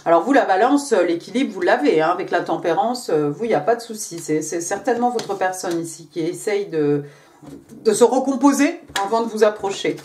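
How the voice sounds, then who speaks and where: A tarot card reader, a woman with a medium-pitched, animated and slightly mellow voice, gives a casual reading at a fairly quick pace. She chats along with plenty of fillers and little "hein" tags, switching into English to read the card text. There's slight background noise.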